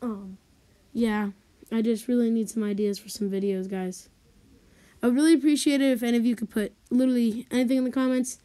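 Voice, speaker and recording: A young woman speaks in a fairly high voice with a very mellow, dark tone. She chats casually to her viewers in a slightly hesitant, apologetic way. The sound is that of a built-in laptop microphone rather than a dedicated one. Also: fairly even intonation, brisk. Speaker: video creator. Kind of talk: casual chat, voice-over to gameplay. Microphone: built-in laptop or device microphone. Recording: built-in device mic, no external microphone.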